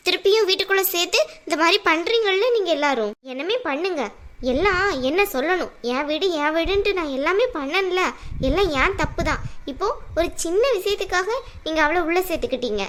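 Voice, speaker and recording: A woman's voice: very high voice, animated, fairly bright tone. [name], a woman voicing a fiery young woman. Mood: bitter. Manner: scolding, demanding, quick to anger. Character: hot-tempered young woman, sharp-tongued and jealous. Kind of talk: cartoon voice acting.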